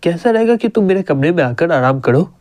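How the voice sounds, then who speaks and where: A man's voice: fairly high pitch, lively intonation, a little fast, darkish tone, no echo, lightly acted. A man voicing a flirty female elf village head, coaxing and forward.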